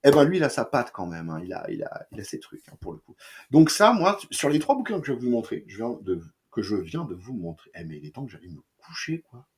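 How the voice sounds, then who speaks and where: A man's voice: mid-range voice, very animated, fairly quick. A man chatting casually about comics he bought, rambling with lots of fillers, restarts and crude slang. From France. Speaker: comic book reviewer. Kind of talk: casual review chat.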